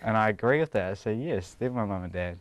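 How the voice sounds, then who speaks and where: Expressive and quick, a young New Zealander talks casually through an interview, frequently laughing and starting his sentences over. His somewhat low voice sounds smooth and clear in a dry recording with no echo.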